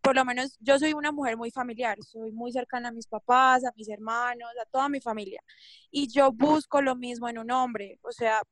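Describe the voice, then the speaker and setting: A woman chatting on a radio show in an enthusiastic, animated way. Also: a little high, normal speed, no echo. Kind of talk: casual radio chat.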